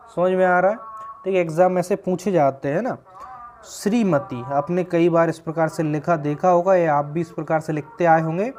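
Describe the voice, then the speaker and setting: Casting: male tutor, exam-prep lesson, slightly raised pitch, deliberate and explanatory. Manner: explanatory, slows to stress words. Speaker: Hindi grammar teacher.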